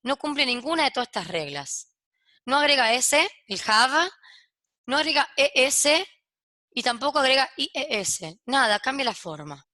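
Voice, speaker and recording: Bright woman teacher, walks kids through english verb endings one by one, keeps asking ok?, dry close sound. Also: high-pitched, big pitch swings, moderate pace, no echo. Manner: explains step by step, checks in with "¿ok?" after each point; switches between Spanish explanation and English examples. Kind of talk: recorded grammar lesson for kids.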